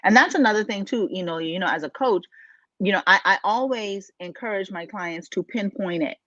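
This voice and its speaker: A woman's voice: medium pitch, moderate pace, sharp tone, no room sound. A woman from the Bahamas, a life coach co-hosting a motivational podcast, speaking emphatically with many rhetorical questions. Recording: dull, dry, lo-fi sound.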